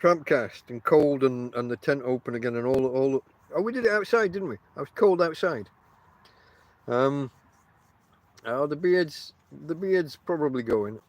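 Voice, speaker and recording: Unhurried and mid-range in voice, a toothless middle-aged man chats on his podcast, his lips closing over his gums as he speaks. The talk is casual and rambling, full of wry, self-deprecating banter.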